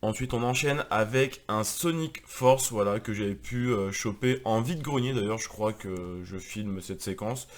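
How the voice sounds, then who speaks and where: A man's voice: on the low side, normal speed, few pauses. A man, married with a daughter, chatting casually and rambling with many fillers as he presents his video game collection. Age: adult, married with a daughter.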